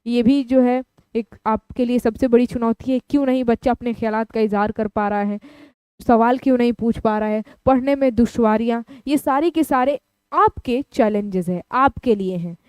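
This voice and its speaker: A woman teaches an exam-prep lesson, explaining each term and restating it in simpler words. Her voice sits a little high yet sounds mellow and smooth. The recording is close and dry. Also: moderate pace, no room sound. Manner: explanatory, repeats terms in several languages.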